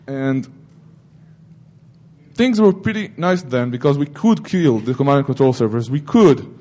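A man's voice: mid-range voice, dark tone. A middle-aged man giving an informal technical talk at a security conference, rambling with self-corrections and joking asides to the audience.

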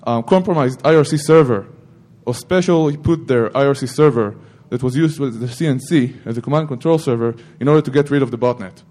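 A man's voice: medium pitch, brisk, few pauses, a little mellow. A middle-aged man giving an informal technical talk at a security conference, rambling with self-corrections and joking asides to the audience.

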